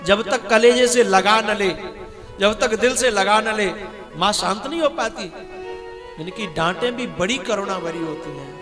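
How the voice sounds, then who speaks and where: A man's voice: sits high, unhurried. Male preacher, emotional sermon storytelling, long reverb, music under. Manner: emotional, exhorting, rhetorical questions. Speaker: religious preacher. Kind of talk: devotional sermon with storytelling and song.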